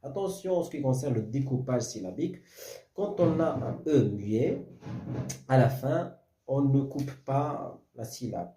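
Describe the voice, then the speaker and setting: A man's voice: mid-range voice, lively intonation, unhurried, warm tone, echoey room. A man teaching French verse, explaining step by step with many fillers and restarts, often checking whether the class follows.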